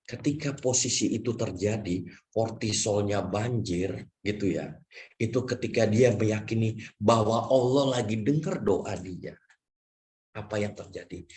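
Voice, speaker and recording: A man's voice: mid-range voice, darkish tone. A man giving a conversational religious health lecture, chatty and full of tag questions, who acts out a patient's prayers as he teaches. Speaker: lecturer on prophetic medicine.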